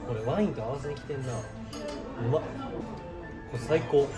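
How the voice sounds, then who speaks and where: A man with a Kansai Japanese accent chatting casually over food and wine, enthusiastic and quick to agree. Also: mid-range voice, over music. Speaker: food review presenter. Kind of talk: casual chat while eating and drinking wine.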